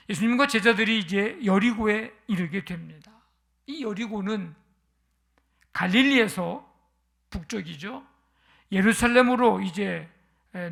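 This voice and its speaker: Gravelly-voiced pastor preaching a sermon. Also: mid-range voice, a bit bright. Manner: retells scripture as a story with rhetorical questions. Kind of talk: Sunday sermon.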